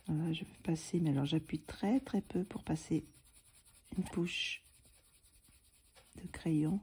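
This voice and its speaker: A woman giving a calm, soft-spoken coloring lesson, often dropping into a half-whisper as she explains each step. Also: sits low, slow, breathy edge. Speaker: drawing tutor.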